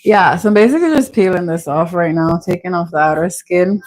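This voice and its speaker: Her pitch is fairly low and her tone darkish, and she talks fairly quickly. A middle-aged Jamaican-accented woman, she hosts a home kitchen cooking vlog with casual, candid, playful chatter.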